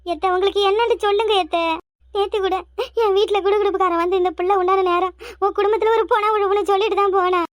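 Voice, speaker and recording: A woman's voice: extremely high pitch, brisk, a bit bright, dry recording, studio quality. A woman voicing a wailing young daughter-in-law. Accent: Kanyakumari Tamil. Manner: wailing, pleading. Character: pregnant young daughter-in-law, tearful and dramatic. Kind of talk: cartoon voice acting.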